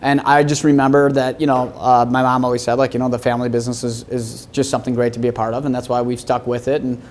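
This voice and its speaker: A man talks fast and bluntly in a casual interview, swearing freely as he tells animated stories. His voice sits in a middle register, and his quick, punchy delivery rarely slows down. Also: medium pitch, slight background noise. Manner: blunt, profane, animated storytelling. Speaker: real estate broker, guest.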